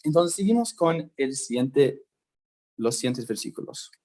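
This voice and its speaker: A man giving a casual Bible lesson, talking slowly and conversationally and checking in with his listeners often. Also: medium pitch, animated, mellow. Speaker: youth Bible teacher.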